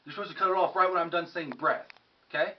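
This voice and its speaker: A young man with a fairly high voice gives a casual tour of his game room and rambles from one item to the next. He slips in jokes with mock-serious asides. He is picked up from a distance by a camera held by someone filming, and the sound is muffled. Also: fairly even intonation, fast. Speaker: YouTube vlogger.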